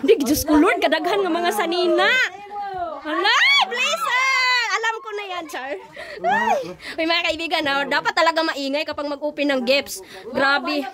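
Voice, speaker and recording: A woman vlogger, exclaiming constantly and talking to her viewers during an excited family unboxing. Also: extremely high pitch, heavy background noise. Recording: loud crowd of people around.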